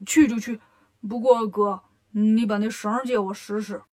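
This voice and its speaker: A woman's voice: medium pitch, fairly even intonation, normal speed, dark tone, natural voice. Woman doing a whiny greedy pig-man monk. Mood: whining. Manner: whiny, bold, easily scared.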